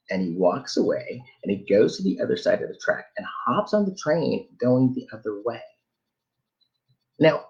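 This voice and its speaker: A man telling a funny personal travel story in an animated, conversational way. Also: medium pitch, muffled recording.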